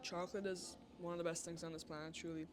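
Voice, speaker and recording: A woman vlogger telling a story in a casual, animated rant, filling her talk with "like" and swearing when she is exasperated. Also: lowish voice, fast, background noise.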